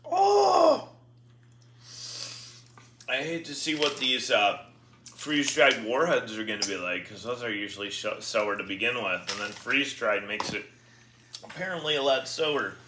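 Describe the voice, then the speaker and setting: A man's voice: mid-range voice, moderate pace. A man hosting a casual taste test, groaning and exclaiming with a sour-face pucker as he talks. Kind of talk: casual chat, reacting while tasting. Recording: echoey room with faint background noise.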